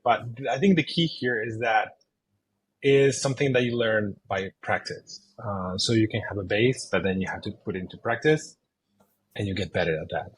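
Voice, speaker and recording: A man from Chile in his thirties, a video game designer answering interview questions in English, pausing often with fillers and restarts. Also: lowish voice, a little hiss or hum, low-quality recording. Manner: hesitant, many fillers and restarts.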